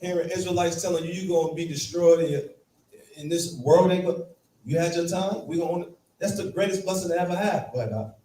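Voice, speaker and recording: A man's voice: high voice, fairly quick, dark tone. A man teaching a Bible class, emphatic and throwing rhetorical questions at his students. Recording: echoey room from far off, faint ambience.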